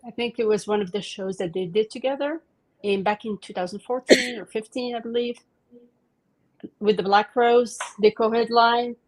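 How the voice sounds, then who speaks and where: A woman's voice: fairly high pitch, fairly even intonation, normal speed, low-quality recording. A woman from Morocco, a podcast guest eagerly telling a rambling story and laughing often. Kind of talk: casual interview chat.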